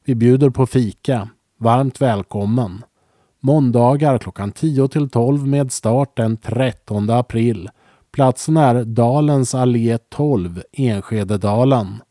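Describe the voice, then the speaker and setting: A man reading a public service announcement in a calm, measured way. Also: mid-range voice, no echo, studio quality.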